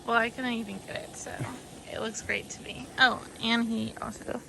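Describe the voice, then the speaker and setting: A woman's voice: fairly high pitch, steady tone, moderate pace, gravelly, slight background noise, low-quality recording. A young woman narrating a casual road trip vlog, chatty and leaning on filler words. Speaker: travel vlogger. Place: road trip, in a car and at a campsite outdoors.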